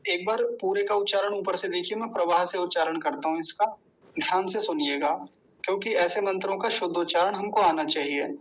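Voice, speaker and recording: A man teaching the correct pronunciation of a Sanskrit mantra, repeating each word slowly and chanting the full verse. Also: high-pitched, poor audio. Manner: slow, deliberate syllable-by-syllable drilling. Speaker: Vedic recitation teacher.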